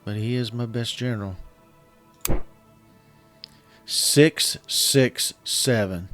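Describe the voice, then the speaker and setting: Playing a strategy game, this man hosts a gaming channel and talks casually in a medium-pitched, somewhat bright voice that's a little scratchy after being sick and shouting. His commentary comes out haltingly as he reasons aloud, often breaking off and starting sentences over, with quiet game music behind him.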